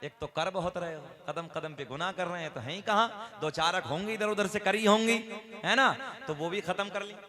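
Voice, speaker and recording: An Indian man preaching a sermon to a large gathering, swinging between loud, drawn-out declamation and quiet, chatty asides. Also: high-pitched. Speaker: Islamic preacher. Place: outdoor religious gathering. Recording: crowd noise in background. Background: large crowd.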